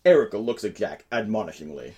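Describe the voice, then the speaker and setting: A man reading stage directions aloud in a script table read, with a lively, expressive delivery. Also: on the low side, fast talker, slightly rough.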